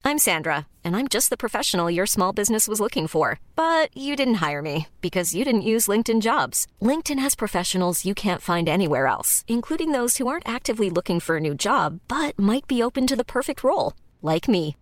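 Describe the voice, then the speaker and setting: A woman playing a confident job candidate, delivering an upbeat scripted ad pitch. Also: sing-song, moderate pace, no echo, close to an everyday voice. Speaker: ad actress. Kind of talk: scripted radio ad.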